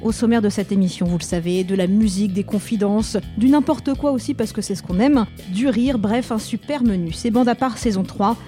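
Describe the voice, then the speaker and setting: A woman's voice: mid-range voice, a little fast, few pauses, mellow, soft background music. A woman hosting a radio chat show. She is upbeat and steers the talk, often laughing along with her guests.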